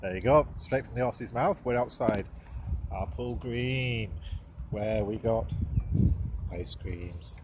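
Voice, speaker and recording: A man's voice: lowish voice, slow, pauses often. A man chatting casually and cheekily to viewers as he films a road-trip vlog outdoors. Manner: chatty, cheeky and sweary, addresses viewers directly. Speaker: vlogger. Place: outdoors, roadside, airport and stadium. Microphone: handheld camera. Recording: loud outdoor noise with traffic and jets.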